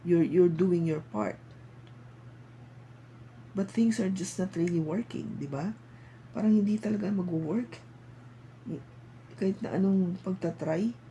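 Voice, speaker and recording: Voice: medium pitch, vocal fry, mellow, slight background noise, poor audio. A tarot reader with a Filipino accent giving a casual, chatty reading and coaxing listeners with frequent tag questions. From Philippines.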